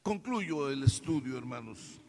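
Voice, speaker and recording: Man, pastor, sermon, slow and deliberate, echoey church hall. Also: medium pitch, expressive, darkish tone. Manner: preaching with drawn-out emphasis, calling out aleluya.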